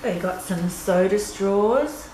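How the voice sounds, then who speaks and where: Reading a picture book to little ones, the older woman speaks slowly in a mellow mid-range voice, using short phrases and friendly asides. Faint background noise and a roomy echo fill the recording.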